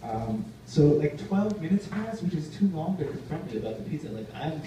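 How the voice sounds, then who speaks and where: A male stand-up comic tells his stories in a lively, up-and-down voice, slipping into the voices of the people he meets. He is heard from a distance in a very echoey cafe venue with clear noise around him. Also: fairly high pitch, brisk. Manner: storytelling with acted quotes of other people. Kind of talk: stand-up routine. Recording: very echoey room, distant mic, noisy ambience.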